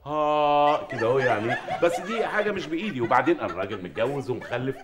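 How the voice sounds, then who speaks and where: A man's voice: mid-range voice, big pitch swings, rapid-fire, noisy background, close to an everyday voice. An Egyptian man playing a harried middle-aged husband who runs a shop, talking in a jokey, flustered way. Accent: Egyptian Arabic. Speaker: shop owner in a sitcom. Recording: sitcom audio with studio audience laughter. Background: audience laughter.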